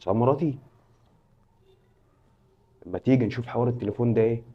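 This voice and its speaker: A man's voice: mid-range voice, quick pace, highs cut off, noisy background. An Egyptian man acting in a comedy sketch, first confronting his wife, then pleading with a friend. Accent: Egyptian Arabic.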